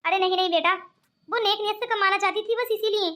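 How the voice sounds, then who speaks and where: A woman's voice: very high voice, fast talker, sharp tone. A woman voicing a scheming rich old grandmother in a cartoon, speaking in a coaxing manner. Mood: musing. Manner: coaxing, calls others 'beta'. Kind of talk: cartoon voice acting.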